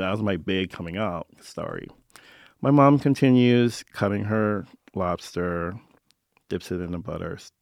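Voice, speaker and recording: A man's voice: low voice, creaky, no room sound, studio quality. A middle-aged man from Hawaii, interviewed for a radio feature, telling family stories and acting out the voices of relatives. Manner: animated anecdote teller, acting out family voices.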